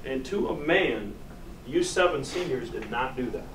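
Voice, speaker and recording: An American man, a college team coach, giving an earnest, deliberate pep speech to his players in the locker room, pausing for emphasis. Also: medium pitch, expressive. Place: locker room, heard from a distance. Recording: echoey distant room recording with loud noise.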